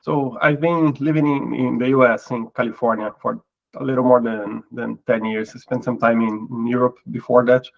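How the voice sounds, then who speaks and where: A middle-aged man from Brazil speaks with a Portuguese accent and a gravelly voice, pausing and repeating words as he gathers his thoughts. His audio sounds a little dull and lo-fi, like a remote call. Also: mid-range voice, steady tone. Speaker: guest. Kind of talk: casual interview talk.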